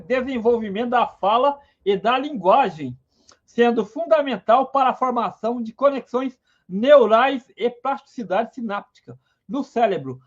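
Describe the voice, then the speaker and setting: High-voiced man hosting a stream. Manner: enthusiastic, greets viewers by name. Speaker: live stream host. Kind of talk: casual live science talk. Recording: dull lo-fi stream audio.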